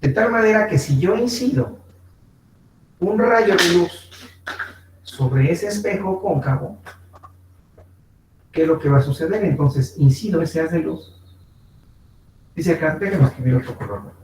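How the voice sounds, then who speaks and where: A man with a Mexican Spanish accent teaches a physics lesson in a slightly high voice, pausing to check that his students follow. He sounds far from the mic in an echoey room, with faint noise behind him. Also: lively intonation. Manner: slow, repetitive explaining with frequent fillers and check-ins. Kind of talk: online class lecture.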